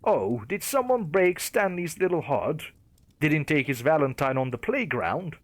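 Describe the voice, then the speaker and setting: A man's voice: a little high, big pitch swings, a little slow, no echo. A man voicing a blunt, teasing young woman on a diner date in a creepypasta narration.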